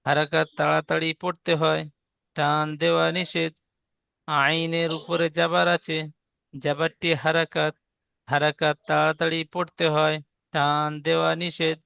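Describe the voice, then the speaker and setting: A man teaching a Quran reading class, spelling out letter sounds in a slow, patient, repetitive drill. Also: fairly high pitch, flat delivery, creaky, pushed and bright, smooth, no room sound.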